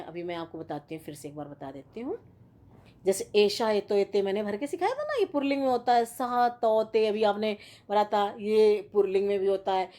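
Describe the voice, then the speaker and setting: A woman's voice: mid-range voice, dark tone. A woman teaching a school grammar lesson, explaining patiently and often checking that students follow. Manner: patient, repeats and checks with "theek hai na". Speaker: Sanskrit teacher.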